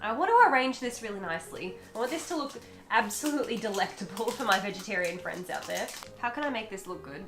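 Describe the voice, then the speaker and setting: A woman's voice: mid-range voice, quick pace, echoey room, over music. A young woman chatting casually as she tastes and rates cheap convenience store food in a hotel room. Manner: chatty and animated, tasting and commenting on food. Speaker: food vlogger.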